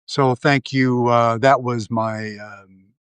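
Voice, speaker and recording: Guy on his livestream, slow drawn out talk, rambles with tons of uhs, dry little room. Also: medium pitch, fairly even intonation, a bit bright, smooth, no room sound. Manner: rambling, many fillers and restarts. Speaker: livestream host. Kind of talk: casual political commentary.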